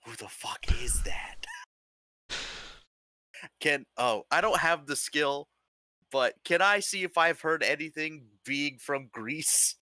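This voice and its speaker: Joking player, a man with a bright, lively voice. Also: a little high, slow pace, pauses often, no echo, studio quality. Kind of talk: casual chat at a tabletop game.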